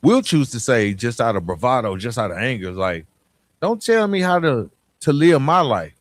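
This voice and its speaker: A mid-range, sing-song male voice moves at a moderate pace in a dry recording. The speaker, an Atlanta podcast host with a Southern accent, offers an informal motivational monologue that's conversational and emphatic, with repeated phrases and questions.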